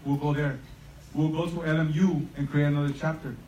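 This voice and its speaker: Through lo-fi, roomy audio from a distant mic with faint noise, a Salvadoran man speaks briskly in a fairly high, mellow voice with little pitch movement. As a program founder, he gives parents and students an impassioned motivational speech in a large event room, repeatedly asking "right?"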